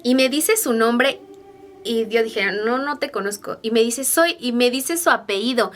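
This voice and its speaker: A woman's voice: fairly high pitch, moderate pace, fairly bright tone, slight background noise. Chatty young woman vlogger. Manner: chatty, with frequent fillers and asides to viewers. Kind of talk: personal storytelling to camera.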